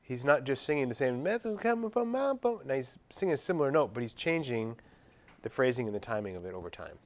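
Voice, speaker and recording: A man's voice: mid-range voice, quick pace. A man teaching a music class, asking the students questions and singing short parts to illustrate them. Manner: quizzes students, scats examples. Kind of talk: classroom lecture.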